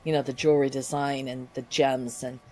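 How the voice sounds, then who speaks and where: A woman's voice: extremely low pitch, little pitch movement, normal speed, a little mellow. A woman hosting an interview podcast, affirming her guest and wrapping up with thanks. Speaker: podcast host.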